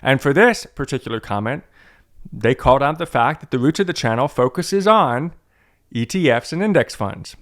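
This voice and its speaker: A man's voice: mid-range voice, expressive, normal speed, a bit bright. A man walking viewers through his investment portfolio in a chatty, wry, self-mocking way, as host of a personal finance channel. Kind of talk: casual screen-share walkthrough.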